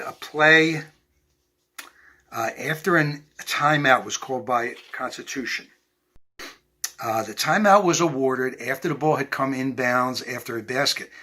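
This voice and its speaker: A man's voice: mid-range voice, sharp tone. An older man, a former referee, hosting a replay show and recapping game stats in a matter-of-fact way with many fillers.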